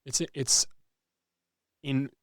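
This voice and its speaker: A man's voice: drawn-out words, fairly bright tone, no echo, studio quality. A man hosting a podcast, musing in a casual, self-deprecating way and often restarting his sentences. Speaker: podcast host. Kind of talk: casual reflective conversation.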